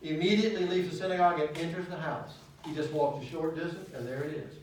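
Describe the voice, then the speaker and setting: A man teaches a church Bible study in a lively way, quizzing his listeners as he goes. His voice sits a little high for a man. It is recorded from a distance in a very echoey hall, with a faint hiss underneath. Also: fast. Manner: animated, asks questions of the class. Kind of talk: teaching sermon.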